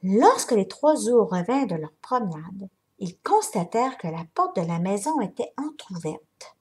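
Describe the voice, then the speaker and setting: A woman reading a children's story aloud in an expressive, unhurried way. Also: medium pitch. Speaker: story reader.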